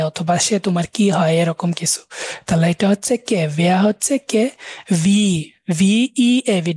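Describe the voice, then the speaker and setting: A man's voice: high-pitched, darkish tone, dry recording. Man teaching German words. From Bangladesh. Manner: repeats and slowly spells out words. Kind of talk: live online class explaining vocabulary.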